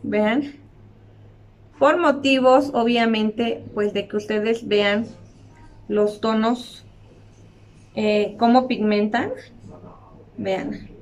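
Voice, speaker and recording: A young woman talks her viewers through a makeup look. Her voice sits a bit high, chatty and effusive as she admires the colors. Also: steady tone, extremely slow, pauses often. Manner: chatty, addresses viewers as girls, gushes over colors. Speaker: beauty vlogger. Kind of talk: makeup tutorial chat.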